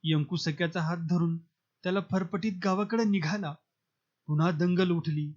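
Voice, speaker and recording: High-voiced man reading a novel. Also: steady tone, normal speed, a little mellow, highs cut off. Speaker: audiobook narrator.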